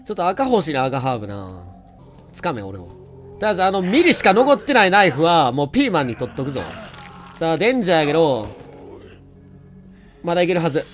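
Young male let's-play commentator, Kansai accent, high and animated, excitable and taunting. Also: fast talker, long pauses, soft background music. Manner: excitable, yells and taunts at enemies. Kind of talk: gameplay commentary.

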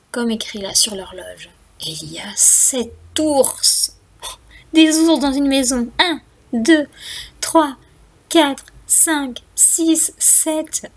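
A woman storyteller reading a picture book aloud to young children, speaking to them directly and counting aloud with them. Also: high voice.

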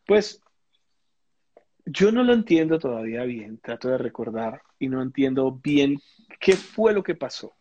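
A man's voice: medium pitch, sing-song, measured pace, dark tone, husky, dry recording. Reflective man, dry muffled audio. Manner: reflective, searching for words, many restarts. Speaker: interview guest. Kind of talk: casual testimony in a live interview.

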